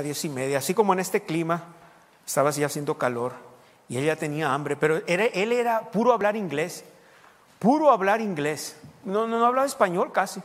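A man's voice: on the high side, in a large hall. A man preaching a sermon as pastor, telling stories with laughter and breaking into short prayers and praises. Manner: lively storytelling with laughter and prayer interjections. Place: church sanctuary.

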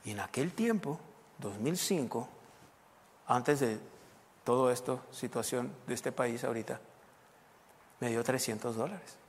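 A man's voice: mid-range voice, a little slow, pauses often, husky, long reverb tail. A man preaching a sermon, telling a story and acting out its dialogue. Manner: animated storyteller, acts out dialogue.

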